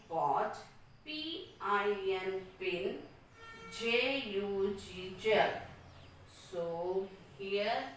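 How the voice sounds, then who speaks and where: Female schoolteacher, deliberate letter-by-letter phonics drill, distant mic with faint hiss. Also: medium pitch. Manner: spells words letter by letter, slow and deliberate. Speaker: school teacher. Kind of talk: classroom phonics lesson. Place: classroom. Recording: very echoey room, voice from far off, faint background hiss.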